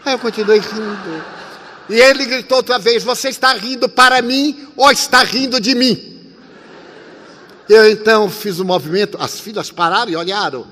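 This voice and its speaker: Animated older man preaching in a hall. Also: high voice. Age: 80s. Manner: animated, swings from loud to soft, acts out dialogue. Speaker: spiritist speaker. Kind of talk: sermon with storytelling. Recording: long hall reverb.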